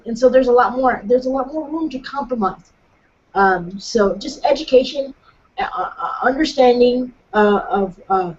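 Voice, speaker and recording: A woman's voice: fairly high pitch, darkish tone, muffled recording, a little hiss or hum. A woman guest in an online discussion, speaking thoughtfully and hesitantly with many fillers. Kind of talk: casual discussion.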